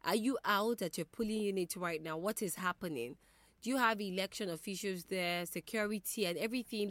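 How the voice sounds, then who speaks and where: Brisk Nigerian woman radio host. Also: fairly low pitch, no echo. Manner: brisk, prompting callers with quick questions. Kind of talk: live radio call-in hosting.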